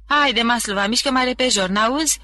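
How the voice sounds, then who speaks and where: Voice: medium pitch, fairly even intonation, pushed and bright, lightly acted. A reader voicing a bossy male prison head guard who barks orders and is pleased with his own jokes. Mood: commanding. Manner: barking orders, self-satisfied. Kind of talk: audiobook character reading.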